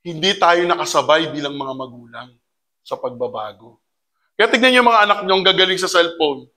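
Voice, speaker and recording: A man giving a lively seminar talk to an audience, mixing in English phrases and keeps asking his listeners rhetorical questions. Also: a little high, brisk. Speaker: seminar speaker for a community orientation.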